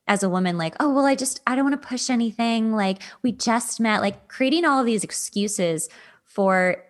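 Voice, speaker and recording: A woman podcast host chats casually about dating advice, keeping it conversational and repeating words for emphasis. Her voice is a little high, at normal speed.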